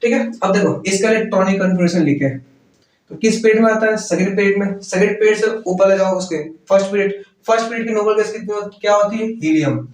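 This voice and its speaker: Male chemistry teacher, higher voice, drills students with quick questions; heavy room echo, distant mic. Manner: asks and answers his own questions, repeats key words. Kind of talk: classroom lecture. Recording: roomy echo, voice from far off.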